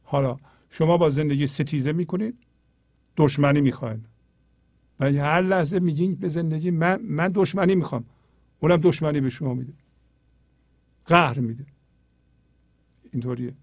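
A man hosting a spiritual talk, explaining poetry earnestly and often dropping to a low, quiet tone. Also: long pauses, no echo, clean studio sound.

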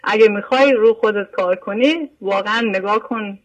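A woman's voice: medium pitch, muffled recording. Older woman caller, earnest, repeats herself while recounting a story. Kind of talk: phone-in chat.

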